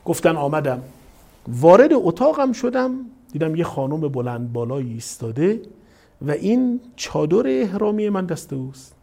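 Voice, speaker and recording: A middle-aged man, a cleric, preaching a sermon and retelling a story with lively acted-out quotes. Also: fairly high pitch, vocal fry. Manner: animated retelling, acting out quoted voices.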